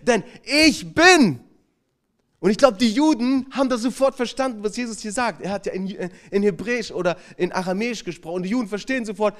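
A male preacher with a fairly high voice delivers a sermon in an emphatic way. His volume swings from loud, stressed points down to hushed, almost whispered passages. He keeps turning to his listeners with small conversational asides. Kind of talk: sermon with retold anecdote.

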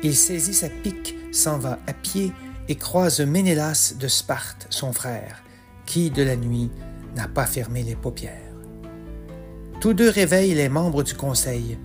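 A man narrating a rhymed epic tale in a slow, measured, rhythmic way. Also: medium pitch, lively intonation. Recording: soft music underneath.

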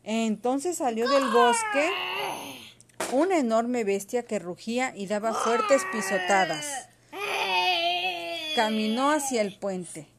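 A woman reading a children's storybook aloud to a child, expressive and patient. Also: a little high, takes it slowly, long pauses, very noisy.

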